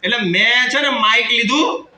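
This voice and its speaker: A man's voice: very high voice, moderate pace, sharp tone, roomy sound, recorded from a distance, slight background noise, low-quality recording. A man of around 30 with a Kathiawadi Gujarati accent gives a motivational business seminar talk, joking and calling out to the audience. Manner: jokey, calls out to the audience. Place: hall with an audience.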